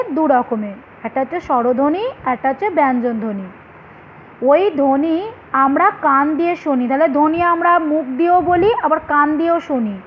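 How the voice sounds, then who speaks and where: A woman teacher with a Bengali accent giving a primary school lesson, explaining patiently and repeating each point back as a question to her students. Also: high-pitched. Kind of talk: online class lesson. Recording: dull lo-fi recording with faint noise.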